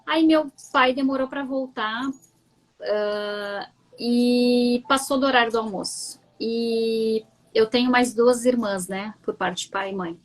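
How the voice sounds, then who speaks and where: A woman's voice: a little high, fairly even intonation, slow, soft background music, low-quality recording. A woman with a southern Brazilian gaúcho accent, a coach and guest telling a personal story on a live stream in a chatty, candid way. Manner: chatty and candid, often checking in with "entende?".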